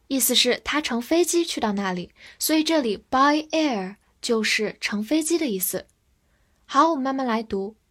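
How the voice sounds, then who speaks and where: A young woman teaching English vocabulary, spelling each word out letter by letter and reading example sentences slowly. Her first language is Chinese. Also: on the high side. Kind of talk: vocabulary lesson, spelling and slow model reading.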